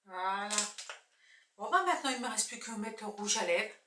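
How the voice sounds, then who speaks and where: At home, with her husband filming, a makeup vlogger chats casually through a tutorial, thinking aloud as she presents each product. Her medium-pitched voice is expressive at a normal speed, heard from afar in an echoey room with background noise.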